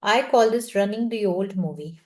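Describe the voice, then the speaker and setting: Woman who leads a book circle. Slow, soft, measured reading, sometimes dropping to a half-whisper, at a mid pitch. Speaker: book reading session leader. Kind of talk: reading a self-help book aloud and guiding an affirmation.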